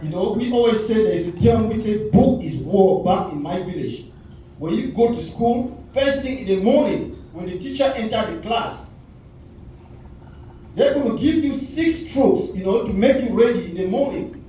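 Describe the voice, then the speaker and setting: A Cameroonian man in his forties, with a Cameroonian accent and a high-pitched voice, tells stand-up stories at a moderate pace, acting out quoted voices with lively energy. He performs on a comedy club stage, and the echoey club audio is captured from far off with slight background noise.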